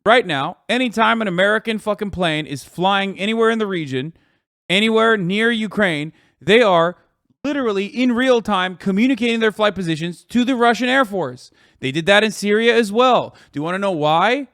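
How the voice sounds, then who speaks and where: A man on a livestream holds forth in a fairly high voice, heated and profane, firing off rhetorical questions. The sound is dry and close, with no room around it. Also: animated, fairly quick, a bit bright, no echo. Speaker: streamer reacting to a video. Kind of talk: casual livestream commentary.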